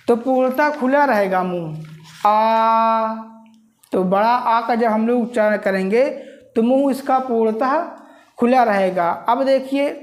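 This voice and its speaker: A woman teaching a grammar lesson, repeating each term word by word as if dictating, and asking listeners to say the sounds aloud. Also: on the high side.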